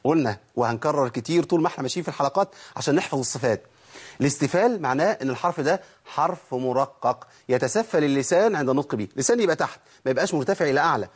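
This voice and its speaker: A man's voice: fairly high pitch, lively intonation, racing, slightly rough. A man with an Egyptian accent teaching a tajweed lesson, asking questions and answering them himself while demonstrating letter sounds. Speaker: Quran recitation teacher.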